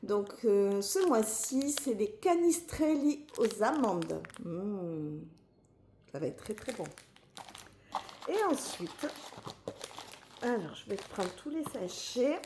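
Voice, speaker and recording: Slow-talking woman with a warm voice. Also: mid-range voice, sing-song, roomy sound, a little hiss or hum. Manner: gentle, chatty, with many fillers and restarts. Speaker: vlogger. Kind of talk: casual unboxing chat.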